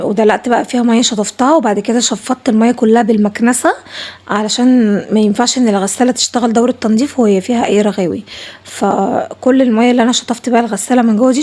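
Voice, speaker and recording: In a relaxed voiceover for her cleaning video, this Egyptian Arabic-accented woman talks rapidly and with emphasis, circling back to repeat points. The voice is higher than average and mellow.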